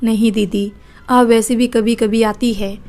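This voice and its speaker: Woman doing a sweet polite young wife in a story, kinda high, flat. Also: measured pace. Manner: polite, pleading. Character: gentle, obedient young wife.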